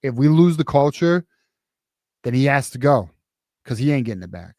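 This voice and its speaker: A man's voice: medium pitch, big pitch swings, normal speed, a little mellow, no echo, studio quality. A man hosting a postgame sports talk show, ranting casually with profanity and frequent restarts. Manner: profane, heated, rambling with many restarts. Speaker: podcast host.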